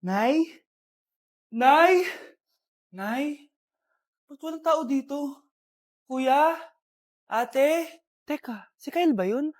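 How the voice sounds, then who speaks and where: A woman doing a high, eager little boy. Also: animated, drawn-out words, long pauses, full character voice. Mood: wistful. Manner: eager, wide-eyed and pleading. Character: young boy longing for his lost family.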